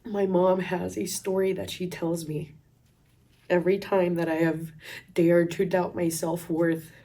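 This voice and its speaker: Low gravelly woman giving earnest testimony. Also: flat delivery. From Colombia. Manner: reflective and earnest, with pauses. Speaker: speaker sharing a faith testimony. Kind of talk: personal faith testimony. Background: soft instrumental music.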